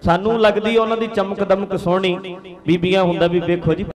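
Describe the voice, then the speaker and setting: Man, Punjabi accent, sermon storytelling, slightly high voice, earnest, folksy. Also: level tone, a little fast, music in the background. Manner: earnest, folksy, asks listeners directly. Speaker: Sikh preacher.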